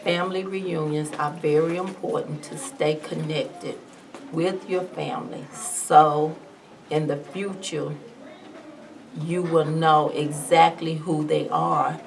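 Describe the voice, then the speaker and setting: A woman's voice: low-pitched, fairly even intonation, slow pace, gravelly. A woman answering an interview question in a matter-of-fact, wry way. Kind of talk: casual interview. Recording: distant mic, faint ambient noise.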